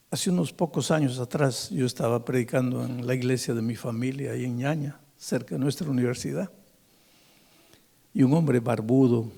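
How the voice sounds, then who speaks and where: A man from Peru preaching a sermon, animated as he tells a story and acts out its people. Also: medium pitch, gravelly, slightly rough. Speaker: pastor.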